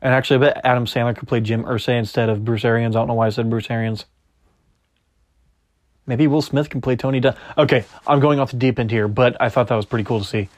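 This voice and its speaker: Young male podcast host, chatty and rambling, mid-pitched, dry close-mic read. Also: steady tone, quick pace, dry recording. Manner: rambling, self-correcting, chatty. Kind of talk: solo podcast sports chat, reading news aloud.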